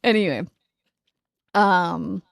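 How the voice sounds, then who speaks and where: A woman co-hosts a casual podcast over a remote call, reading tarot meanings and chatting between laughs. Her voice sits low with a gravelly fry. The sound is dry and close, with no room around it. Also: drawn-out words, no room sound. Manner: laughs often, reads aloud then chats. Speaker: podcast co-host. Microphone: remote call recording.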